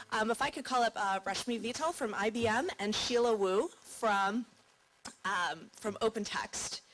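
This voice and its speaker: A woman's voice: medium pitch, a bit bright, rough recording. A woman, a conference marketing director, giving a welcome speech from the stage and telling a chatty anecdote.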